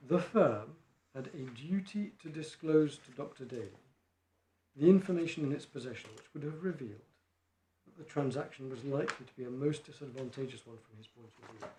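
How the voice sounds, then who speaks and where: A barrister making a measured legal argument in court, reading quoted passages from judgments. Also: male voice, medium pitch, warm tone. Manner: measured, reads quotations from case law. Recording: echoey courtroom, faint noise.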